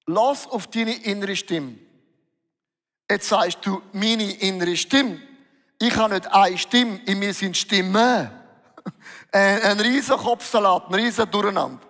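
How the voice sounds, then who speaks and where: Male preacher, emotive and animated, raised pitch, recorded in a reverberant hall. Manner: lively, emotional, acts out dialogues with Jesus. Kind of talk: sermon.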